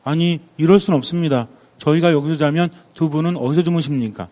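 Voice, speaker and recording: A man's voice: a little high, brisk, mellow, big-room sound, close to an everyday voice. A man voicing a young male angel who pleads politely and then protests hotly.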